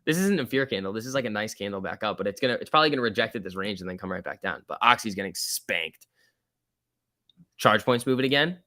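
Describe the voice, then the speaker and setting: Man, livestream trading host, forceful bright voice, casual slangy market commentary, chummy with viewers, dry close sound. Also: on the low side, animated, quick pace, dry recording. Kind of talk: casual off-the-cuff live market commentary, reading and answering chat.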